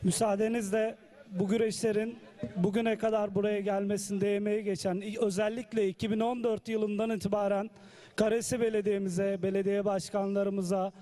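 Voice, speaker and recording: Guy doing a formal thank-you speech at a village festival, really high voice, pretty flat delivery, deliberate. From Turkey. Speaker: local speaker at a village wrestling festival.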